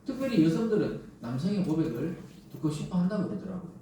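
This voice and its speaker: A middle-aged male pastor with a Gyeongsang accent preaches in a chatty, animated way, throwing out rhetorical questions. His voice is mellow and sits a bit high for a man. He is picked up from a distance in a large, strongly echoing church sanctuary with faint room noise. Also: fast talker. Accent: Gyeongsang Korean. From Gyeongsang region of Korea. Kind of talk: sermon. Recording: very echoey church hall from a distance.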